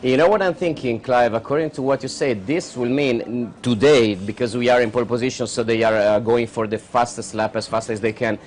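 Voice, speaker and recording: A man co-commentates a boat race as live sports commentary, explaining technical points at length. His voice is medium in pitch and fairly quick with hardly any pauses, yet he hesitates a lot, uses many "uh" fillers and has non-native phrasing.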